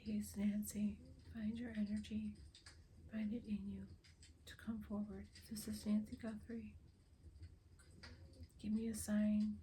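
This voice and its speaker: An older woman running a spirit box session for her vlog, speaking in a hushed, often whispered, earnest and emotional way, pleading for signs. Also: medium pitch, little pitch movement, normal speed, slight background noise, low-quality recording.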